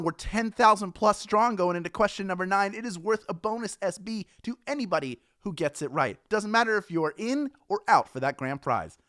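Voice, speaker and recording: Male trivia host, playful and chatty, slightly higher voice, dry close sound. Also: fairly bright tone, dry recording. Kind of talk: live trivia show hosting.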